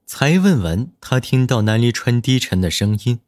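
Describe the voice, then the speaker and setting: A man narrating a romance audiobook in an expressive, storytelling manner at a close studio mic. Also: mid-range voice, normal speed, no room sound. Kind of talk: scripted dramatic narration.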